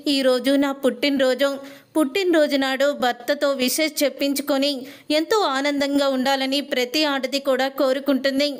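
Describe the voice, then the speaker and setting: A woman's voice: sits high, little pitch movement, moderate pace, natural voice. A woman voicing a scheming young wife who pleads with her husband in a plaintive, tearful way. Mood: pleading.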